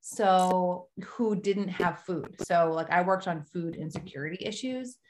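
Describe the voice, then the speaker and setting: A woman's voice: on the low side, measured pace, darkish tone, a little hiss or hum, poor audio. A woman hosting a casual podcast interview, talking in a hesitant, searching way full of fillers. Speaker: podcast host.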